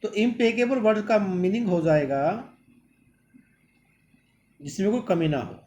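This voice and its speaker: High-voiced man teaching vocabulary. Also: lively intonation, a little slow, warm tone, a little hiss or hum. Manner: repeats words often and calls the students "my dear". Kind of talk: exam-prep vocabulary lesson.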